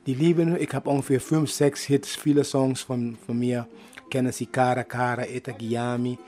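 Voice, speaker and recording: Lively man with loose German. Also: mid-range voice, moderate pace. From Aruba. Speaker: musician being interviewed. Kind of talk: casual interview talk.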